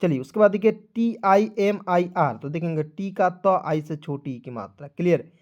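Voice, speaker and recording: A man's voice: high-pitched, animated, moderate pace, darkish tone, muffled recording. A male teacher giving a beginners' spelling lesson, repeating each step and coaxing his viewers along as friends.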